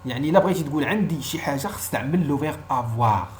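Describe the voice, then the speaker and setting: A Moroccan man talks very fast with a lively, wide-ranging pitch while giving an informal language lesson. He is a native Arabic speaker who explains didactically and keeps repeating short example phrases. A faint hum of noise sits behind him.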